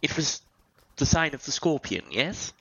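Genteel flustered adventurer played by a woman, lowish voice, very animated pitch, mannered pauses, tabletop fantasy. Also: husky, highs cut off, full character voice. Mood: grave, measured. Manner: mannered, hesitant, dramatic pauses.

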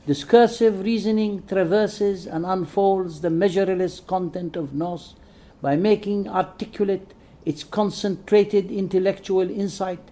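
Reading from a prepared scholarly text, a man whose native tongue isn't English speaks in a voice that sits high. He keeps a measured rhythm broken by gentle hesitations.

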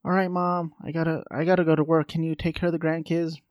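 A man voicing a grown child hurriedly asking his mother to watch the grandkids, in a higher, quick voice. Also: flat delivery, no echo, clean studio sound, natural voice. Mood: pleading. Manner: quick, pleading, raised voice. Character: harried adult child asking mom to babysit.

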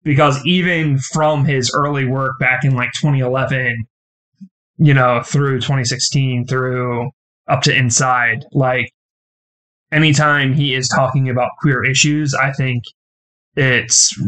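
A man co-hosting a casual podcast talks through a scene in loose, rambling detail. He leans on "like" as he goes, unhurried and chatty. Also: medium pitch, rough recording. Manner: relaxed storytelling, heavy use of "like". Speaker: podcast co-host. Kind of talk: casual chat reviewing a show.

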